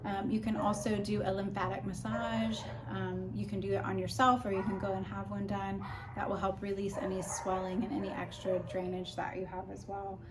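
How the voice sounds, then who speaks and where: A woman talks in a casual, explanatory way, like a vlogger sharing advice with viewers. Her voice sits at an average pitch, and there is clear noise behind her. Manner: conversational, informal, explanatory. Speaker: vlogger giving a personal recovery update. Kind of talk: casual chat to camera with practical tips.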